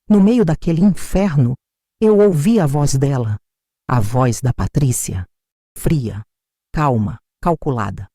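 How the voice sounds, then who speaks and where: A woman's voice: low voice, warm tone, no echo, clean studio sound. An older Brazilian woman narrating a first-person story in a dramatic, emphatic way. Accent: Brazilian Portuguese.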